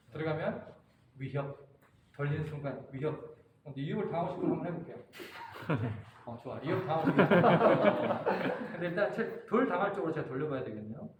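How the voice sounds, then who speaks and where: Male workshop instructor, high voice, directive coaching style, echoey room recording. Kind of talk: hands-on workshop demonstration. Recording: very echoey room, faint room noise.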